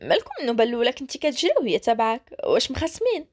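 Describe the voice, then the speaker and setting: A woman's voice: fairly high pitch, big pitch swings, very fast, a little mellow. Teasing young cousin, voiced by a woman. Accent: Moroccan.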